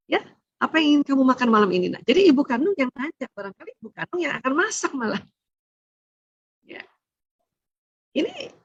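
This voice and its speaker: A middle-aged woman giving a lively religious family seminar, acting out quoted mothers-in-law and saying "ya" often. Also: on the high side, slightly rough, no echo. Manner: animated, acts out quoted mothers-in-law, frequent "ya". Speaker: seminar speaker on family relations. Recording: dull lo-fi seminar recording.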